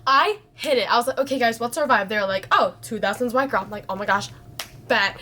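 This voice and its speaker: Chatty young woman, slightly high voice. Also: fairly quick. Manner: chatty, excitable storyteller. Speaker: podcast co-host. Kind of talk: casual chat.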